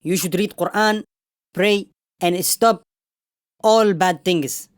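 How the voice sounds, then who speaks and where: A woman's voice: fairly low pitch, takes it slowly, no echo, studio quality. A woman with a Somali accent playing a bossy, excuse-making relative in a comedy skit. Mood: bossy, scolding. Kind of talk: comedy skit dialogue in mixed Somali and English.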